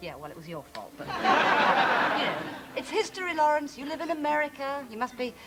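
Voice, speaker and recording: A woman's voice: high-pitched, lively intonation, normal speed, over loud music. An actress playing a middle-aged woman TV talk show host with dry, cutting wit.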